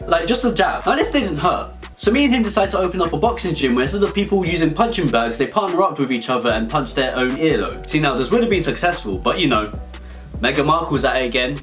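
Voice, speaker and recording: A British comedy video creator rambles through an absurd storytelling monologue in a mock-serious way, with background music. His voice is on the high side, fast and fairly bright, with lively intonation.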